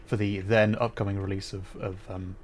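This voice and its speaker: A livestream host casually commentates live gameplay for his chat, thinking aloud and cutting himself off as he goes. His voice is lowish and level at a normal speed, with background noise.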